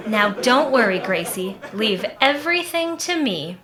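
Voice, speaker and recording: A woman's voice: fairly high pitch, big pitch swings, a little slow, crowd noise. A woman playing Phyllis, a confident, chummy friend and insistent product plugger, in a re-enacted 1940s radio comedy. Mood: confident, coaxing. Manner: confident, emphatic, cheerfully insistent. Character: brisk, chummy sitcom friend Phyllis, an eager soap plugger. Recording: roomy, echoing voice recording.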